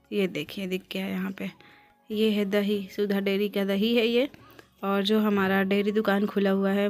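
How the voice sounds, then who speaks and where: A young woman, chatting casually as she walks around her home for her vlog. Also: medium pitch. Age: young adult. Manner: chatty, walking and showing around the house. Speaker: vlogger.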